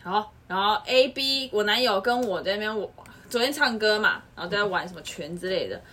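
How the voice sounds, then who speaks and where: A woman from Taiwan, hosting a podcast and telling a rambling, animated story with many restarts. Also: medium pitch, fairly quick. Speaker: podcast host. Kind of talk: casual chat, storytelling.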